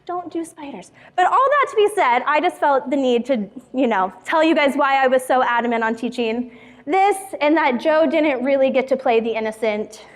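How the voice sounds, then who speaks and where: A woman's voice: high voice, lively intonation, normal speed. A young woman pastor telling a funny personal story in a casual sermon to a church group. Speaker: youth pastor. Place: church hall. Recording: hall reverb.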